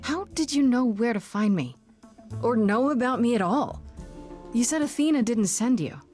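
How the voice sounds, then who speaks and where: A woman's voice: a little high, lively intonation, normal speed, darkish tone, faint music behind, natural voice. A woman playing an earnest, wary young woman in a video game, speaking in a hesitant, guarded, conversational way.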